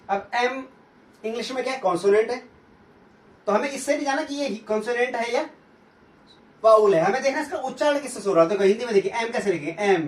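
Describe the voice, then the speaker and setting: A man teaching an English grammar lesson, asking questions and answering them himself while repeating sounds slowly. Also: high voice. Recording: echoey room, from a distance.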